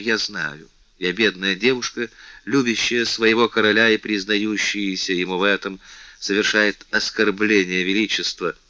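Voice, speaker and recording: A desperate young woman begs and confesses her love, her voice lifted high and strained, as a male narrator puts her on. The tone is bright and forceful, and the pleas often swell into cries. The recording sounds dull and lo-fi, with no room at all. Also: no room sound. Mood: tender confession. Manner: pleading, emotional, rising to cries. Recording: dull, lo-fi, dry.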